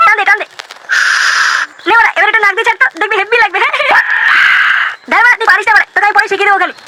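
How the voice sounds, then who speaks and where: A man voicing the characters in a crude comic cartoon, full of slang and constant swearing. The voice is pitched very high and rushes along at a frantic pace. Loud noise sits behind it. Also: fairly even intonation. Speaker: cartoon narrator and voice of several characters.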